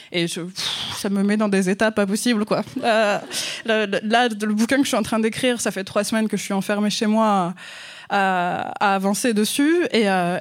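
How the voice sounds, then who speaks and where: Hesitant French woman writer, high voice. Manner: hesitant, self-mocking, full of fillers. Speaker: guest writer. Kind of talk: casual chat.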